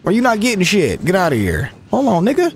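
A young man swearing, trash-talking and shouting at characters while commentating his gameplay. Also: high voice, huge pitch swings, quick pace, a crowd in the background. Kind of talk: profane running commentary over gameplay.

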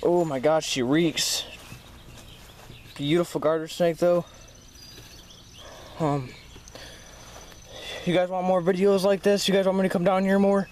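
A man's voice: sits high, level tone, a little slow, long pauses, darkish tone, slight background noise. A man chatting casually and exclaiming to viewers in an informal, sweary outdoor wildlife vlog, recorded on a handheld camera. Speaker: host of amateur snake-catching vlog. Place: outdoors by a creek in weedy woods. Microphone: handheld camera held by the speaker.

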